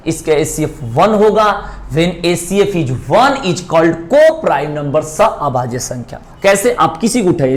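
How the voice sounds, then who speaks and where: A man teaching maths in a coaching class, explaining slowly and asking check questions again and again. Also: on the high side, a little mellow. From India. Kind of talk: classroom lesson at a whiteboard.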